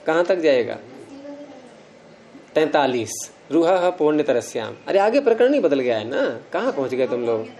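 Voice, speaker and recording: A man lectures a roomful of students on grammar, working through each rule patiently and stopping to put questions to the class. His voice sits a little higher than most men's but has a soft, mellow tone. It's an unhurried classroom lecture. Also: big pitch swings, highs cut off. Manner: explains step by step, quizzes students. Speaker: Sanskrit grammar teacher.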